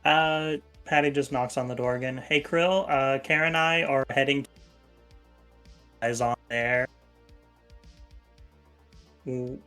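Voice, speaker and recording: A man's voice: mid-range voice, takes it slowly, long pauses, sharp tone, faint music behind. Man with clipping, fuzzy distorted audio. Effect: clipping fuzz distortion on the audio. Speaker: tabletop game player. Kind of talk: casual tabletop game chat.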